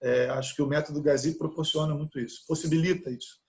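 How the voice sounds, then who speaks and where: Man, from Brazil, middle-aged, music teacher, slightly high voice, explanatory lecture, frequent fillers. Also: fairly even intonation, quick pace. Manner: explanatory, many fillers like "né?", restarts. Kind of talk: online mini-course lecture.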